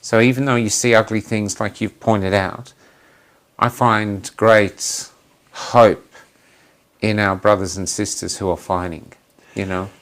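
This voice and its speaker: Man, guest, anecdotal storyteller, laughs a lot, fairly low voice. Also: unhurried. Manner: lively anecdotal telling, laughs often. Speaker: guest, traveling activist. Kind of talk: casual storytelling in a chat.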